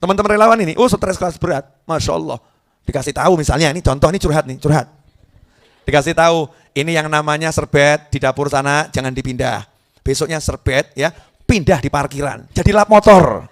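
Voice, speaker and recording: A middle-aged male preacher, speaking in a fairly high voice. He jokes and chats easily with the crowd, breaking off words and rushing ahead in bursts. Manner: lively, joking, conversational. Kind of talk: sermon to a live audience.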